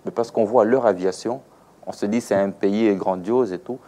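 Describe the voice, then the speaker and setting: An aviation expert from the Democratic Republic of the Congo, with a Congolese French accent, gives didactic, explanatory interview answers full of examples and rhetorical questions. His voice is lowish and warm, at a moderate pace.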